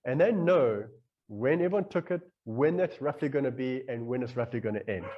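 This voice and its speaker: On a casual podcast, a man with a medium-pitched voice spins a long, rambling story at a brisk pace, animatedly voicing his own inner thoughts along the way. The sound is lo-fi with slight background noise.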